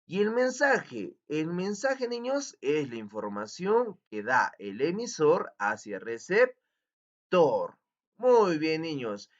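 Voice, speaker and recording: Guy teaching little kids, bouncy sing-song voice, kinda high, muffled lo-fi sound. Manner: sing-song, lively teacher talk, slows to stress key words. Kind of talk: children's lesson. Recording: dull lo-fi recording.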